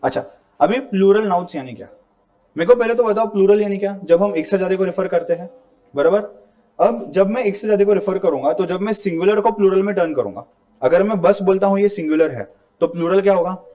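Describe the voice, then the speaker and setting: A man's voice: high-pitched, fairly quick, mellow. A male teacher giving a classroom grammar lecture, talking casually and often checking that students follow along. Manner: conversational, mixes English terms into Hindi, asks students to confirm.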